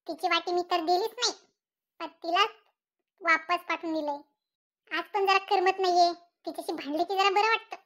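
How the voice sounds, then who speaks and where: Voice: extremely high pitch, fairly even intonation, normal speed, long pauses, sharp tone. A performer voicing a boastful, bossy middle-aged village wife in a cartoon comedy. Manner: bossy, showing off. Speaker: Kamalbai, housewife.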